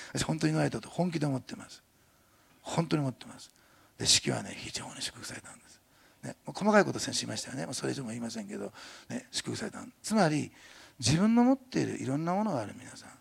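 An older man preaching a sermon as a pastor, chatty and animated, often adding tag questions and laughing. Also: medium pitch, fast talker, gravelly, husky.

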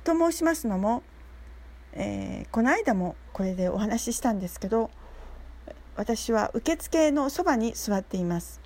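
Earnest, halting woman with a mellow voice. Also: fairly high pitch, lively intonation. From Nagasaki, Japan. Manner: earnest, halting, searching for words. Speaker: speaker sharing a personal story. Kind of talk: prepared personal talk with frequent fillers.

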